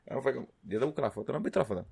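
Animated man telling stories. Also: medium pitch, rapid-fire, gravelly, breathy edge. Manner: animated storytelling, constant swearing, mimics players. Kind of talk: casual chat.

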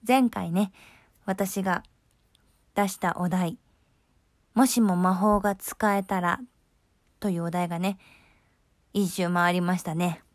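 A woman's voice: mid-range voice, no room sound, clean studio sound. A young woman with a Kansai accent hosting a casual solo talk show in a chatty, friendly way and laughing easily. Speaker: host.

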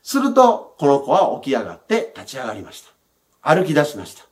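A man preaching a sermon as a pastor, explaining a Bible passage in a conversational way with soft sentence endings. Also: on the high side, huge pitch swings, a little fast.

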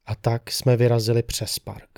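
A man reading a first-person horror story as scripted narration, with a measured, steady storytelling delivery. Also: mid-range voice, vocal fry, no room sound, clean studio sound.

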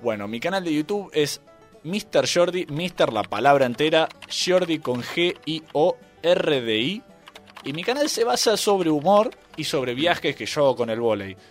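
Animated Argentine man, lively pitch. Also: moderate pace. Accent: Argentine Spanish. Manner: joking, animated storyteller. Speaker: guest, volleyball player and YouTuber. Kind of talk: casual radio interview. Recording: radio studio with faint music.

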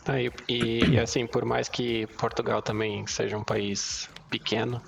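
Male co-host, Brazilian accent, halting delivery, monotone and gravelly. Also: mid-range voice, soft background music. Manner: halting, many fillers and restarts. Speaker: podcast co-host, developer. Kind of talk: casual podcast chat.

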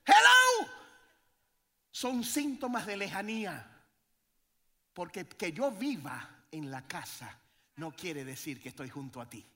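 A man preaching a sermon as pastor, animated and joking with his congregation, sometimes breaking into shouts. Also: fairly high pitch, a little slow. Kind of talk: lively church sermon.

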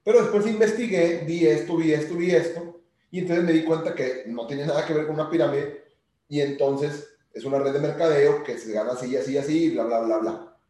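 A young man giving a lively motivational sales lesson, talking straight to the listener. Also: a little high, fairly quick. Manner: animated, speaks directly to listener. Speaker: sales trainer. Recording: very echoey room, distant from mic.

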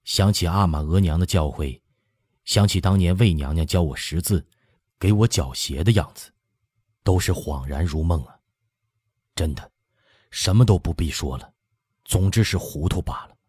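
A man's voice: low voice, normal speed, long pauses, a little mellow, husky, dry recording, studio quality. A man reading the part of a proud young noble general who earnestly confesses his faults, in a storybook reading. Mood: contrite. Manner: earnest, self-reproaching confession.

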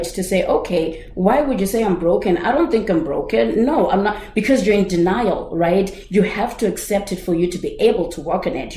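A chatty woman hosting a podcast and telling her own story in an animated way. Her voice sits a little low and sounds mellow. The room around her is echoey. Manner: animated, chatty, says "right?" often. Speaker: podcast host. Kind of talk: personal testimony talk.

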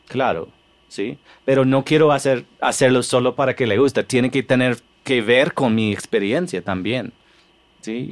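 A comedian from the United States speaks with a clear American accent in a relaxed podcast chat. He searches for words, restarts his sentences and drops in English fillers like "like" and "you know." His voice sits at an ordinary middle pitch for a man. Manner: explains his comedy method in halting Spanish, mixing in English fillers. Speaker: comedian guest. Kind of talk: casual podcast conversation.

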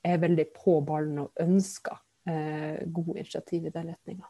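A woman politician answering questions in a casual interview over a video call, pausing often with filler sounds. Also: low-pitched, level tone, dark tone, dry recording. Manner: hesitant, many filler sounds. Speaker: politician, podcast guest.

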